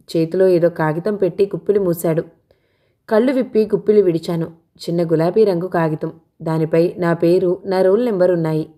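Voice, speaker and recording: A woman reading a novel aloud in first person as a narrator, with an expressive, steady delivery. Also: lowish voice.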